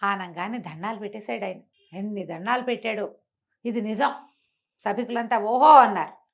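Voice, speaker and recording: A woman with a creaky, mid-range voice speaks at a moderate pace as she tells a moral fable. She performs the characters' lines and uses rhetorical questions to make her explanations vivid.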